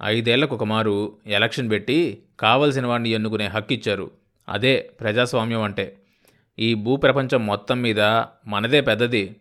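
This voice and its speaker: A man's voice: on the low side, fairly even intonation, moderate pace, fairly bright tone, close to an everyday voice. Argumentative village canvasser, preachy and persistent, played by a male narrator. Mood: lecturing.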